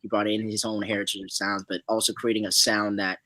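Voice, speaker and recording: Young guy from zimbabwe chatting loosely on a podcast, lowish bright voice, dry sound. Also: little pitch movement, a little fast, dry recording, low-quality recording. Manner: laid-back, loose, full of "you know" and "like". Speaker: guest musician. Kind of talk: casual interview answers.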